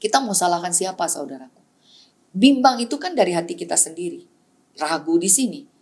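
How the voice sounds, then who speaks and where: A woman's voice: expressive, brisk, a little mellow. Woman pastor preaching with rising, falling emphasis. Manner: repetitive exhortation, calling the congregation "saudaraku"; drops pitch and volume on closing words, rises sharply on repeated key words. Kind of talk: sermon.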